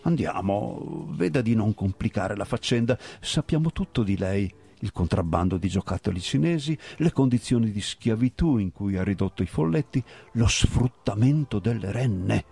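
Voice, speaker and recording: A man reading aloud and voicing an older customs officer who talks slowly in a smooth, falsely friendly way, with a gravelly, husky voice. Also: lowish voice, lively intonation, mellow, full character voice. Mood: scheming. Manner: smooth, falsely affable, drawn out. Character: smiling, scheming older male customs officer.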